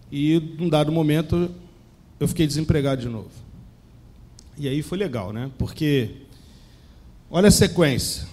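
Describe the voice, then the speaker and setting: A man in his forties with a Rio de Janeiro accent, preaching a sermon and telling his own testimony with emphatic pauses and direct questions to the congregation. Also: a little high, a little mellow. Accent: Brazilian Portuguese, Rio de Janeiro.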